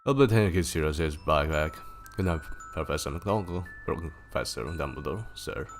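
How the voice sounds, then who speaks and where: A huge, shaggy giant stammers through tears, voiced by a man reading a storybook. The voice is rough and gravelly, and it swings widely in pitch. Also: lively intonation, moderate pace, soft background music. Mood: muffled, tearful. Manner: sobbing, stammering.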